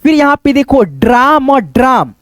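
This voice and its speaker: A man teaching how to read difficult Hindi words, sounding out each syllable slowly and repeating words, often checking in with his viewers. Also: very high-pitched, sing-song, dry recording. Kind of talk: step-by-step spelling lesson.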